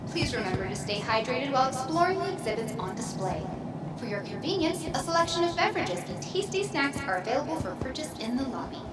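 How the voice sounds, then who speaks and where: A polite game expo announcer on a far-off loudspeaker, lively and quick. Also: female voice, sits high. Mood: announcing. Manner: polite, even announcer delivery. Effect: public address announcement over loudspeakers. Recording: distant loudspeaker sound with background music.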